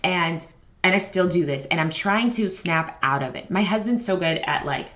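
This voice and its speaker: A woman's voice: fairly low pitch, normal speed, a bit bright. Candid woman hosting a parenting podcast. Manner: rambling, candid, lots of fillers and quoted self-talk. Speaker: podcast host. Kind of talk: casual conversational interview.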